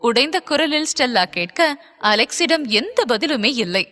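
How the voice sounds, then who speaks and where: High bright woman narrating a story. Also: lively intonation, moderate pace, in a large hall. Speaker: audiobook narrator.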